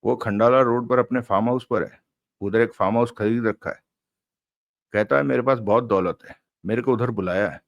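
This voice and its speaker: A man's voice: medium pitch, moderate pace, vocal fry, muffled recording, close to an everyday voice. A man voicing a scheming young woman in an audiobook, eager and conspiratorial. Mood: excited.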